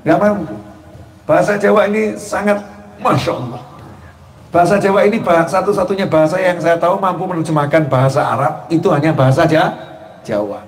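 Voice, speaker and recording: A man with a high voice preaches a sermon, asking rhetorical questions and chuckling as he goes. He stretches out key phrases and suddenly raises his voice for emphasis. The sound rings through an echoey hall. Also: brisk.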